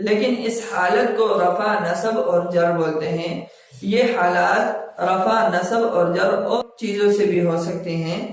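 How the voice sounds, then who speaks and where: A man teaching a language lesson, explaining grammar step by step and reading example sentences slowly, asking questions and answering them himself. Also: high-pitched. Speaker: Arabic teacher. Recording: echoey room, voice from a distance.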